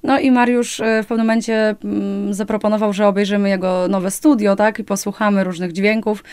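A woman's voice: medium pitch, level tone, brisk, darkish tone, clean tone, no echo, clean studio sound. A young adult female singer speaking in an interview, telling her story in long flowing sentences. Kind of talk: casual interview talk.

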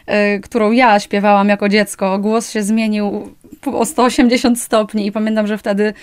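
A young woman, a singer, talks in an interview with flowing, lively storytelling. Her mid-pitched voice sounds close and dry, with no echo from the room. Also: normal speed, smooth. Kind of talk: casual interview talk.

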